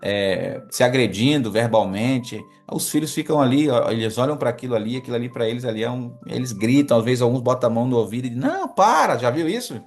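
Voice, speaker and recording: A man's voice: medium pitch, fairly even intonation, fast, few pauses, a little mellow, soft background music. A man, a pastor giving an earnest teaching sermon on a livestream, reading from a book and asking his listeners questions. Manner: earnest, addresses listeners as brothers, asks the audience questions. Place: online livestream with chat.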